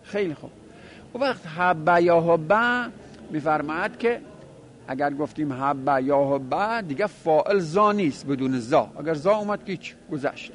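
A man's voice: fairly high pitch, expressive. A man teaching a classroom grammar lesson, explaining step by step and repeating each form aloud, talking to his class directly. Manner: conversational, addresses the class directly.

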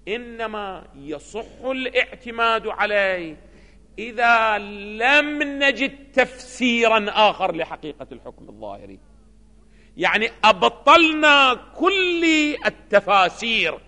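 High bright-voiced male lecturer. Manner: keeps asking rhetorical questions of students. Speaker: seminary lecturer. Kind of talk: classroom lecture. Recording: long hall reverb.

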